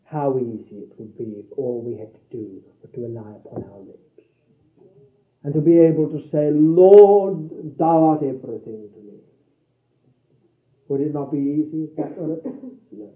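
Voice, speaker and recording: A man preaching a sermon, swinging between loud declarations and hushed low phrases and repeating lines for emphasis. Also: moderate pace, pauses often. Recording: tinny, echoey old hall recording.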